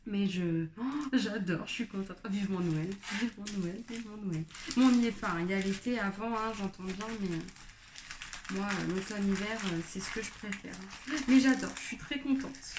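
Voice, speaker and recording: A woman's voice: medium pitch, normal speed, noisy background. A young French woman with a French accent, chatting casually in an unboxing video, gushing with many fillers and little exclamations. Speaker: craft vlogger.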